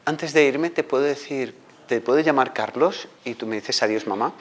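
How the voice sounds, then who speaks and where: A man voicing a seventy-year-old well-dressed woman in a soft, pleading way, within a comic story told to an audience. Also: mid-range voice, normal speed, natural voice.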